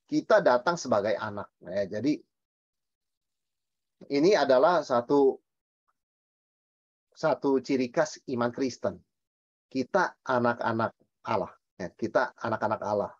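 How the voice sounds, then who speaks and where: A man, a pastor, teaching a Bible study in a lively, emphatic way, asking and answering his own questions and mixing in English words. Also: mid-range voice, measured pace, long pauses, dry recording, lo-fi sound.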